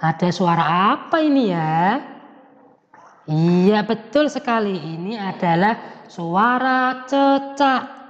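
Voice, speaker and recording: A man leads a children's lesson at a very slow, sing-song pace, asking questions and answering them himself. His voice rings with a long echo, and the lo-fi recording sounds dull. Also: high voice, lively intonation. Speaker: elementary school teacher.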